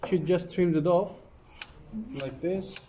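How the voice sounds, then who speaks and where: Heard from afar in a noisy, echoing room, this carpet factory guide has a high-pitched yet dark voice, holding a steady tone at a slow pace. His Turkish accent comes through as he patiently walks visitors through each stage of the work, often asking "okay?"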